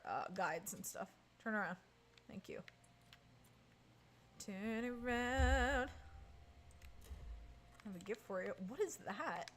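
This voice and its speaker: A woman's voice: fairly high pitch, pushed and bright. A woman chatting casually on a live stream while playing, reading and answering chat and groaning at misses. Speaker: game streamer.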